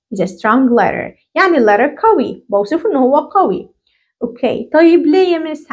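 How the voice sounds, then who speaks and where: A woman with an Egyptian accent giving a teacher-training English lesson. She asks questions and answers them herself, and repeats English words slowly. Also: high-pitched. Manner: animated, drawing out English words slowly for repetition.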